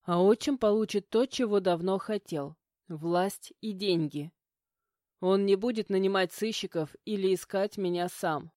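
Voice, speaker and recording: A woman's voice: medium pitch, unhurried, a little mellow, no echo. A young woman reading a first-person audiobook with emotional, dramatic narration on a close mic.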